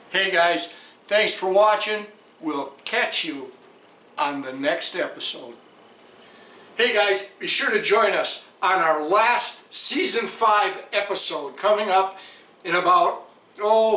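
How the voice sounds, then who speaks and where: A man hosting a casual home cooking vlog, talking slowly and savoring the food as he tastes it in his kitchen. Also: sits high, roomy sound. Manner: slow, relaxed, savoring food between lines. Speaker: cooking show host.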